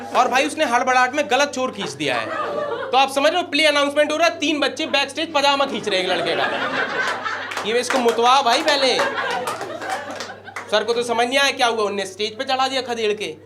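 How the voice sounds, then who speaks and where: A young man performing stand-up comedy on stage, telling a story in an animated way and acting out characters in quick asides. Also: very high voice, noisy background. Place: comedy stage before a live audience. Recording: live stage mic with loud audience laughter.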